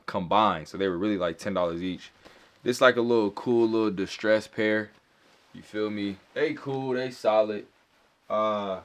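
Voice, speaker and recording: A young man casually vlogging to camera in a laid-back, slangy way. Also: lowish voice. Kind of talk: casual vlog talk to camera. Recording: background music throughout.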